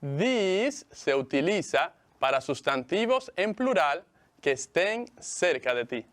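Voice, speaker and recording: A man teaching English in Spanish, speaking slowly and clearly with a Mexican Spanish accent and repeating each word for his students. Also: fairly high pitch, big pitch swings, fairly bright tone. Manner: slow, carefully enunciated, repeats words for students. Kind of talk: bilingual televised English lesson.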